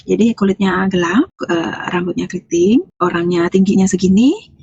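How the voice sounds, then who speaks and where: A woman's voice: on the low side, moderate pace, creaky, darkish tone. A woman from Lampung, Indonesia, giving a conversational faith testimony as an interview guest. She rambles with fillers and restarts, and acts out both sides of the conversations she recalls. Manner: retells events by acting out both sides of the dialogue. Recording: dull, muffled lo-fi recording.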